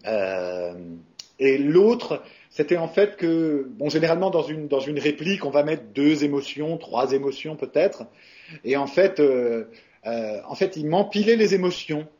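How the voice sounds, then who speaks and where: A French voice actor appears as an interview guest, his voice on the high side with a darkish tone, lively intonation, and an unhurried pace. He answers casually and hesitantly, often restarting and filling pauses. The audio is lo-fi and muffled.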